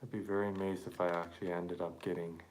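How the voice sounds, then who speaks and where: Low-voiced man chatting while repairing. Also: level tone, a little mellow, slight background noise. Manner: chatty, halting, talks to viewers while working. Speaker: live-streaming accordion repairer. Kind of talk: casual live-stream repair commentary.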